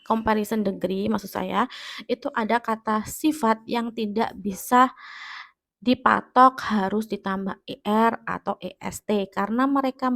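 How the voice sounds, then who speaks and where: A woman's voice: mid-range voice, vocal fry. A woman with an Indonesian accent teaching an English grammar lesson, explaining patiently and often correcting herself mid-word. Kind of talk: classroom grammar lesson for students at home.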